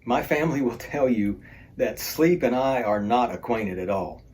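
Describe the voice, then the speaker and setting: A man's voice: mid-range voice, expressive, normal speed, a little mellow, slight background noise. A man teaching an adult Bible study in a casual, conversational way, with joking asides.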